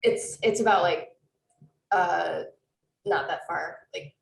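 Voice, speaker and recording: A woman's voice: on the low side, takes it slowly, creaky, roomy sound, poor audio. A woman from Wisconsin with a Wisconsin accent, chatting casually as a podcast guest and laughing easily. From Wisconsin, US Midwest. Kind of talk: casual interview chat.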